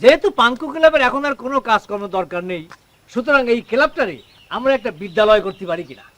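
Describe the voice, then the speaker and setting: An actor playing a reformed club president who speaks politely and formally, like giving a little speech. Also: male voice, very high-pitched, lively intonation, fast, fairly bright tone. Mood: earnest, polite. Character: earnest reformed young man, club president.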